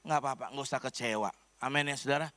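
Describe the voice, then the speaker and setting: Bright-voiced male pastor preaching. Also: mid-range voice, quick pace, no echo. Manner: lively storytelling, addressing the congregation. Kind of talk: sermon.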